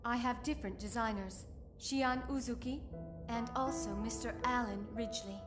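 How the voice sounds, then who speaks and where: Woman playing a too-smooth emotionless android. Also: on the high side, normal speed, over music, close to an everyday voice. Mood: calm, formal. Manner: smooth, even, formal robotic delivery. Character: calm female combat android, polite and emotionless. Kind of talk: video game cutscene voice acting.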